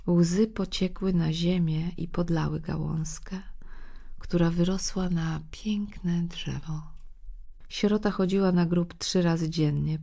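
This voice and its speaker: A woman narrating a fairy tale audiobook, reading gently and expressively and lending her voice to the characters' lines. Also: lowish voice, gravelly. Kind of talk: storybook narration.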